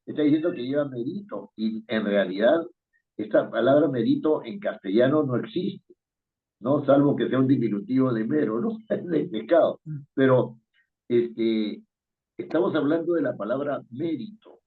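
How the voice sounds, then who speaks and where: A man's voice: mid-range voice, normal speed. A man teaching an online spelling class, patient and questioning, chuckling now and then. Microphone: video call. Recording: tinny phone-like call audio.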